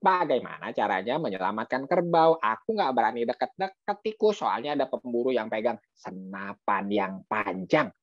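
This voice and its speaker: A man voicing a friendly, gentle owl in a children's story, apologetic and animated, over dull video call audio. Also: mid-range voice, moderate pace, hardly any pauses, no room sound. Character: friendly silent-flying owl.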